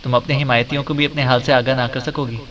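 A man voicing a domineering, wisecracking male detective who issues threats in a mid-pitched voice. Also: little pitch movement, fast talker, a bit bright, dull audio, natural voice. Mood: bossy. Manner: bossy, threatening.

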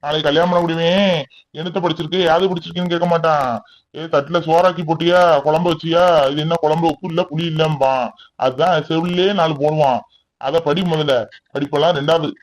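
A man's voice: fairly high pitch, steady tone, fairly quick, lightly acted, rough recording. A man playing a sarcastic stern older brother. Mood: mocking. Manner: sarcastic, dismissive.

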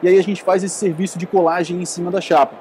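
Representante masculino, tom técnico e objetivo, voz alta e macia. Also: male voice, high-pitched, level tone, fast talker, dark tone, a little hiss or hum. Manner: technical, matter-of-fact, short agreements. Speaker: company representative. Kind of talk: product explanation. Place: indoor boat show stand.

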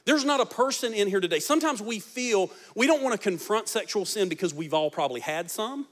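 Brisk and lively in intonation, a pastor in his forties delivers a sermon from a large church stage using a handheld mic. His lines swing from loud and emphatic to soft and low.

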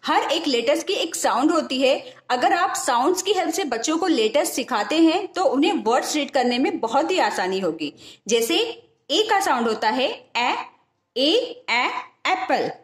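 A woman with an Indian English accent hosting a phonics lesson for parents, sounding out each letter slowly and clearly. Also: high voice, lively intonation, roomy sound. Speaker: teacher and channel host.

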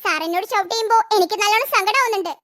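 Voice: racing, bright, forceful tone. A performer doing a scheming office woman. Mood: pleading. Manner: sweet to the boss, low muttered asides.

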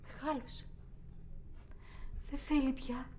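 A woman's voice: high-pitched, steady tone, mellow, a little hiss or hum, close to an everyday voice. An actress performing a theatrical monologue as a young woman haunted by childhood abuse, repeating words obsessively and swinging between whispers and outbursts. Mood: bitter. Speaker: actor.

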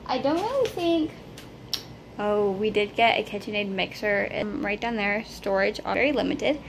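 Filming on a handheld phone, a twentysomething vlogger shows off her small apartment in a relaxed, rambling way full of filler words. She sounds animated, with a creaky mid-range voice and a moderate pace. The background is noisy.

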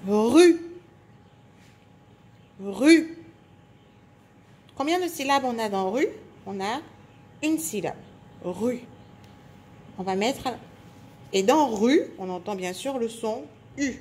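A woman teacher giving a phonics lesson to young children, speaking slowly and clearly articulating, stretching out sounds and syllables. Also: on the high side, lively intonation, a little mellow, slight background noise. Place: indoors at a table.

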